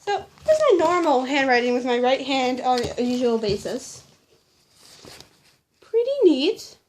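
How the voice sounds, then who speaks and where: A teenage girl with a high, bright voice rambles through a story for her vlog camera. She talks casually and turns indignant as she goes, acting out both sides of an argument. A faint hiss sits under the recording. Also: lively intonation, moderate pace. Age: teens. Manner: rambling, indignant, with quoted exchanges. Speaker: vlogger.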